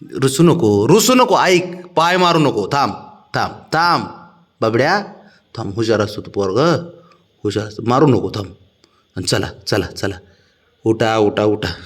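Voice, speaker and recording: A man's voice: mid-range voice, fairly bright tone, slight background noise. A man coaxing his sulking pet in doting, repetitive baby talk for a casual vlog.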